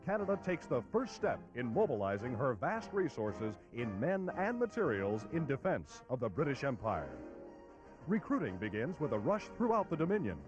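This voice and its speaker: A man narrating an old newsreel in a dramatic, declamatory style. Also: a little high. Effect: old newsreel sound. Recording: dull lo-fi film audio with music. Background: music.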